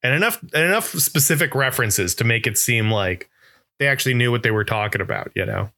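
A man with a bright, forward tone talks casually as a podcast co-host. He is enthusiastic and rambles a little, restarting his thoughts as he goes. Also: medium pitch, animated, fast. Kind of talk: casual chat.

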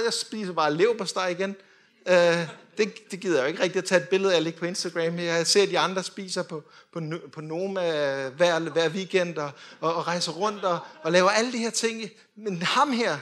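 A young man preaching a sermon in a lively way, swinging from loud calls to quiet drops. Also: high-pitched.

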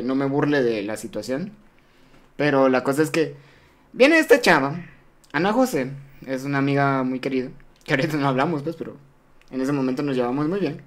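A young man telling crude school stories in a casual chat, acting out the voices of the people in them. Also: mid-range voice. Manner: crude, animated, acts out quoted voices.

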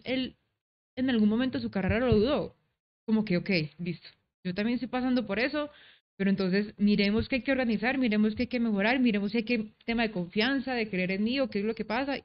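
Reflective woman, slightly muffled. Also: mid-range voice. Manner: reflective, explains with everyday examples. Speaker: trader guest. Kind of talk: casual chat.

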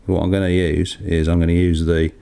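A low-voiced man with a gravelly, crackly edge, talking in a loose, rambling way. He pokes fun at himself and swears casually as he works through a task, like a podcast host chatting to his listeners. He speaks from a small, echoey home darkroom. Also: flat delivery, brisk, warm tone. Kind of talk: casual hands-on monologue.

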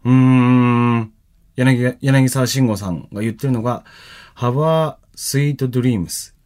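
A man's voice: medium pitch, a little slow. A man hosting a casual radio chat with bandmates, reading mail aloud and keeping the show moving. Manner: relaxed, runs the show, reads mail aloud. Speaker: band member radio host.

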